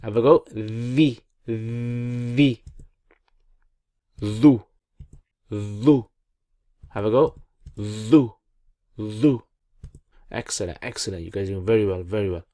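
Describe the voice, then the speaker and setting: A man teaching pronunciation in a call-and-repeat lesson, encouraging and deliberate as he repeats sounds for learners. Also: on the low side, mellow, dry recording, studio quality. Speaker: Quran reading teacher.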